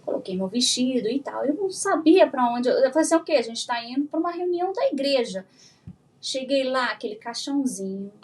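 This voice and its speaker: A woman with a Brazilian Portuguese accent, a guest in a casual interview, telling a lively story and acting out what people said. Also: sits high, a little fast. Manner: animated storyteller who acts out what she and others said. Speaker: guest, firearms instructor.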